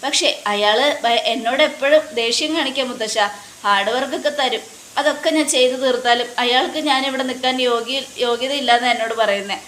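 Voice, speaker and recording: A woman's voice: high voice, a little fast, a bit bright. A woman doing a worried young police trainee. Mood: troubled. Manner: plain retelling voice, barely changed. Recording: echoey room, faint noise.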